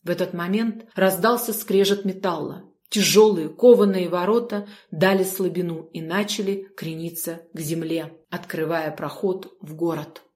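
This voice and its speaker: Woman narrating a dark fantasy tale. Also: lowish voice, steady tone, normal speed, few pauses. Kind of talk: first-person audiobook narration.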